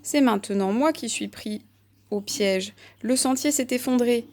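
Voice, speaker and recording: A woman voicing a friendly, curious young male elephant in a storybook reading, speaking in a raised, lively voice. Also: fairly high pitch, unhurried. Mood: alarmed. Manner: lively, calls out raised and bright.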